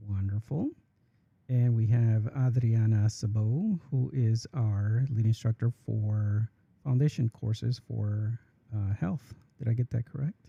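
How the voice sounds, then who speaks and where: A man's voice: mid-range voice, slow, gravelly, husky, highs cut off. A man hosting a campus podcast, introducing guests in a friendly way with fillers. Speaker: podcast host. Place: campus studio.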